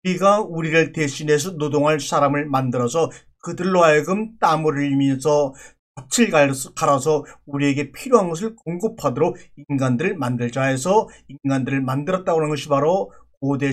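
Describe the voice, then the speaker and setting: A man with a somewhat high-pitched voice delivers a sermon. He speaks as a pastor, working through scripture in an earnest, teaching way and circling back to repeat key words. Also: brisk.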